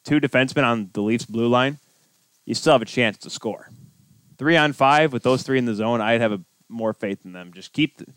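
A man's voice: medium pitch, clear, resonant tone, no room sound. Rambling sports podcast man, dry close sound. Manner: rambling, exasperated fan. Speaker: podcast co-host. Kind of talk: casual sports talk with live game commentary.

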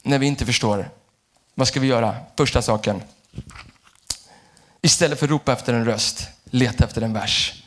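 A male pastor preaching an animated sermon, jumping from shouted lines to quiet asides. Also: mid-range voice. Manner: animated, shifts between shouting and hushed asides. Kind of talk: energetic sermon.

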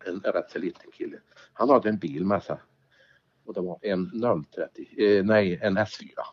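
A man telling rally anecdotes in casual chat, acting out the exchanges he quotes. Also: deep voice. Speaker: former rally driver telling stories. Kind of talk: casual storytelling. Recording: dull lo-fi recording.

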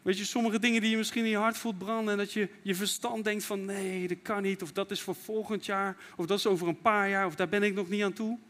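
A man's voice: high-pitched, flat delivery, fast, hardly any pauses, a bit bright. A man preaching a fervent sermon as pastor, acting out prayers and God's words as he goes.

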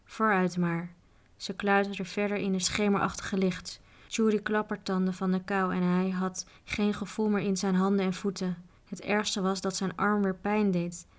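Woman, storybook reading, steady narration, very level pitch. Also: moderate pace. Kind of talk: reading a children's book aloud.

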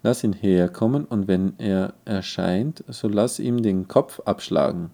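A scheming court vizier in a storybook reading, voiced by a man, whispering poison into the king's ear with insinuating persuasion. The voice is low and very dark, unhurried. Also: vocal fry. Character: scheming male vizier, cunning royal adviser.

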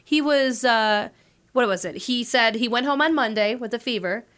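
A woman with a bright, slightly high voice chats casually with a friend. She talks in a lively, chatty way, running her thoughts together as she goes. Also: normal speed. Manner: chatty, animated, laughs often. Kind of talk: casual chat.

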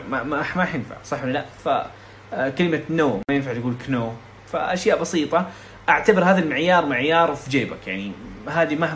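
Young guy explaining an exam super fast, fairly high voice, a little hiss behind. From Saudi Arabia. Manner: quick, chatty, frequent restarts, mixes English terms. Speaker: IELTS exam tutor. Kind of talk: casual explanatory lesson.

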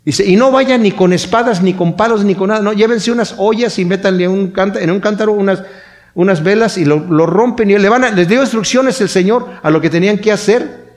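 Animated Spanish-speaking preacher, higher-pitched man. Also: a little fast. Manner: conversational preaching, frequent "¿verdad?" asides and repetitions; animated, with wide swings in pitch and loudness. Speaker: pastor. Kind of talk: sermon.

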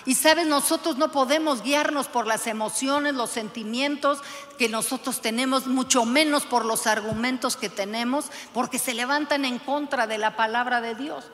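A woman's voice: sits high, moderate pace, fairly bright tone, big-room sound. A woman pastor preaching a sermon, fervently urging her congregation with direct questions.

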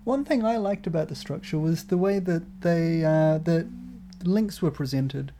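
A woman with a New Zealand accent co-hosting a travel podcast, upbeat and quick to laugh. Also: deep voice, animated, warm tone, a little hiss or hum. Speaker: podcast co-host. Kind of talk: casual review chat.

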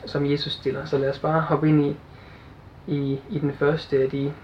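An earnest young man preaches and reads scripture, pausing and restarting his thoughts as he goes. His voice sits a little high and stays flat in pitch. The recording sounds dull and lo-fi, with a faint noise behind it. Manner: earnest, halting with fillers and restarts. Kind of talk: sermon with Bible reading.

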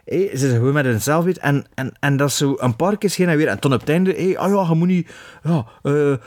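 A man's voice: on the high side, brisk, darkish tone, dry recording. Critical Flemish man, dry sound. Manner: critical, emphatic, many restarts. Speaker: podcast co-host. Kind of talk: casual film discussion.

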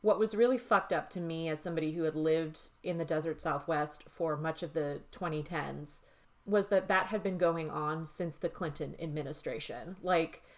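A woman in her thirties with a fairly low voice co-hosts a casual podcast. She talks candidly and swears freely. She laughs easily as she chats. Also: moderate pace. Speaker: podcast co-host. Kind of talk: casual chat.

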